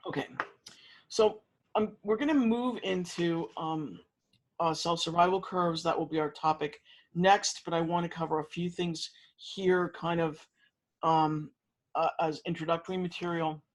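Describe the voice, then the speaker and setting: A man's voice: a little high, steady tone, low-quality recording. A man lecturing to students, talking through methods with frequent fillers and restarts. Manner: halting, many fillers and restarts. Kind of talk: university lecture.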